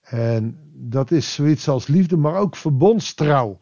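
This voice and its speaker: Reflective preacher man, fairly high voice. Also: lively intonation, muffled recording. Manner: reflective, pausing, with emphatic rises and quiet drops. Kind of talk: devotional sermon.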